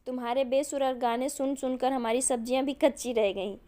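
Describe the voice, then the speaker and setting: A woman's voice: sits high, fairly even intonation, a little fast, mellow, lightly acted. A woman voicing a grumpy young man who complains sarcastically while he cooks. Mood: irritated.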